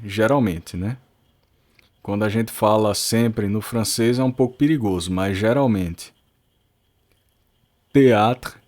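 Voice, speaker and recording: A man with a Brazilian Portuguese accent teaching a recorded language lesson, patiently explaining and repeating example words slowly and carefully, often checking in with tag questions. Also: medium pitch, a little mellow. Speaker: French teacher.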